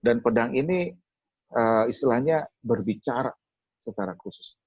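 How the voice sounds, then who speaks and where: A man's voice: medium pitch, moderate pace, dry recording, muffled recording. A man telling a personal testimony at a webinar, acting out his own past words as he speaks. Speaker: speaker at a theology school webinar.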